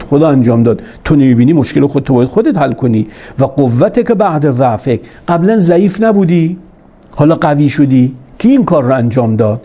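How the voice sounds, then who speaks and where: A man giving a religious lecture, reciting quoted lines slowly and then explaining them with repeated questions to the listener. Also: mid-range voice, warm tone. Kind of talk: sermon.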